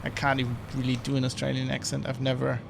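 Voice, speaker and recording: Speaking English with German as his first language, a man gives loose, rambling commentary while streaming a flight sim, full of false starts and self-corrections. His gravelly, fry-edged voice sits at a typical male pitch and runs quick and monotone, with slight background noise.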